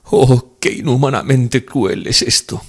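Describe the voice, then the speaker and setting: A man's voice: a little slow, husky. A man reading an audiobook, voicing a heartbroken young woman who pleads through tears. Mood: grieving. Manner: high tearful pleading voice, sobbing outbursts.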